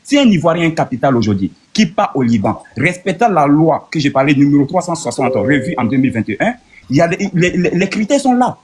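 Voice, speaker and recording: A man's voice: a little high, very animated, darkish tone, a little hiss or hum. A man in his thirties from Burkina Faso, arguing earnestly and point by point in a debate. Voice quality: husky. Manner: earnest, rapid, reasoning point by point. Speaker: debate participant. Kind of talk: heated debate argument.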